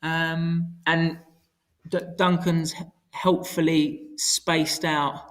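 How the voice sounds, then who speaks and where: A man's voice: a little high, flat delivery, very slow, a bit bright. A man teaching in a casual live tutoring style, hesitant and self-correcting, dropping his T's with glottal stops. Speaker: history teacher co-hosting.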